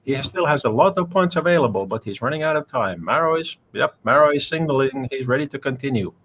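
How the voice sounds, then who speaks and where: A man's voice: mid-range voice, expressive, fast talker, fairly bright tone, poor audio. A man commentating a live game tournament, joking and teasing his co-host between calls. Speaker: esports commentator.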